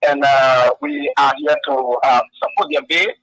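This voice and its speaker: A man's voice: medium pitch, very animated, moderate pace, a bit bright, poor audio. A man calling in to a radio show by phone, speaking hesitantly and repeating his words as he starts each thought. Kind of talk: casual call-in chat.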